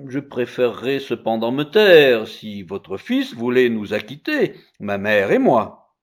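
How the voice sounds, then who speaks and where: A man voicing the boy seer Merlin, bold, accusing and solemn, in loud pressing declamation. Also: medium pitch, big pitch swings, unhurried. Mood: insistent.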